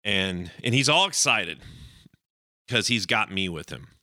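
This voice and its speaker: A young man hosts a podcast in an animated, unhurried voice with a sharp tone, recorded dry and at studio quality. He rambles casually through a long personal story, acting out the people in it by raising his pitch for their quoted lines.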